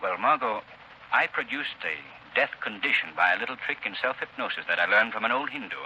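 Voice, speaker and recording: An actor playing a menacing, commanding invisible crime-fighter with deliberate, theatrical 1930s radio delivery. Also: male voice, fairly low pitch, lively intonation, sharp tone, highs cut off. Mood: calm, explanatory. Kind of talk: 1930s radio thriller acting. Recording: noisy vintage 1930s radio broadcast recording.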